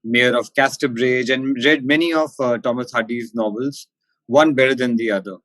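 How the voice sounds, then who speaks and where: A man with a posh, educated Indian accent, giving considered interview answers in formal, articulate diction with hesitant pauses. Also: medium pitch, steady tone, a bit bright, no echo, low-quality recording. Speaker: interview guest, company managing director.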